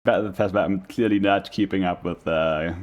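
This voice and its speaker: A man's voice: deep voice, steady tone, normal speed. A man giving casual, rambling reaction commentary as a streamer, musing aloud and trailing off in asides.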